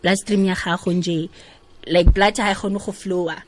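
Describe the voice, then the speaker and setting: A woman's voice: on the low side, steady tone, moderate pace, low-quality recording. A woman in her thirties with a South African Sotho accent, telling her personal story candidly as an interview guest and switching between languages. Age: 30s. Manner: code-switches between English and a local language.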